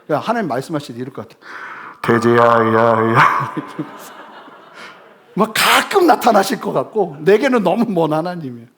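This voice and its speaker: A male pastor giving a sermon, telling humorous stories with sudden loud bursts. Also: on the high side.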